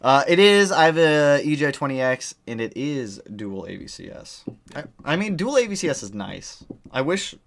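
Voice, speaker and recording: Hosting a laid-back livestream, a man answers viewers in rambling chat that hops between topics. He speaks at a moderate pace in a voice on the high side, gravelly yet fairly bright, with big swings in pitch.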